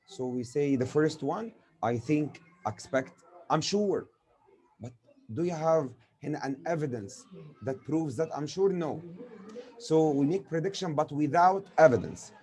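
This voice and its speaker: The audio is poor as this man, an Egyptian-accented native Arabic speaker, teaches grammar with examples, asking himself questions and answering them. His fairly high voice has a darkish tone and lively intonation, and he speaks unhurriedly.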